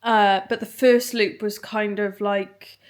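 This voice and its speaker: A woman's voice: medium pitch, little pitch movement, slow pace. British woman doing a chatty vlog, kinda tired, rambly, takes her time talking. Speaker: running vlogger. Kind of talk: casual chat to camera.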